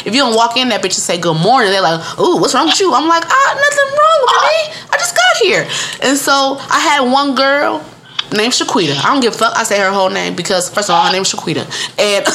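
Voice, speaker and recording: A woman from Detroit, bright and forceful in tone, tells a workplace story in blunt, profane casual chat. She laughs often and swears freely. A faint hiss of noise sits under her voice. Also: mid-range voice. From Detroit, Michigan. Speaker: podcast co-host.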